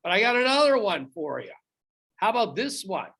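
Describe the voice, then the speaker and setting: A man's voice: high-pitched, very animated, moderate pace, gravelly, a bit bright, slightly rough. A man teaching history in a recorded lecture, talking straight to his students and stopping to quiz them on trivia. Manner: chatty, talks straight to students, quizzes them.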